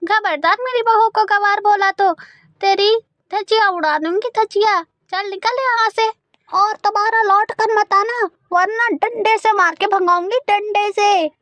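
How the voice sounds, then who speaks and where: A woman's voice: very high-pitched, steady tone, measured pace, dry recording, pitched above the performer's own voice. A woman voicing a grumpy old crow mother-in-law. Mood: scolding. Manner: sharp, scolding, bossy. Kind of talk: cartoon voice acting.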